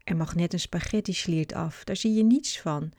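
A woman's voice: fairly low pitch, normal speed, a little mellow, dry recording, studio quality, lightly acted. A woman reading a children's story aloud, voicing an eager, mischievous little girl. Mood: coaxing.

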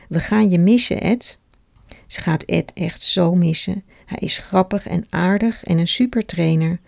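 A woman reads a children's book aloud, lending each character a small change of voice. Her voice is low and gravelly, recorded close and dry. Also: darkish tone, no echo. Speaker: storybook reader.

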